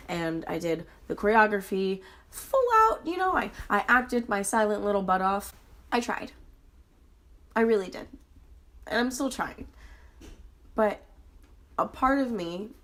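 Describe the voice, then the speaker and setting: In a personal vlog, a hoarse, sick young woman in her twenties talks earnestly about what she's struggling with, her voice fairly low in pitch. Her speech is full of pauses and ums.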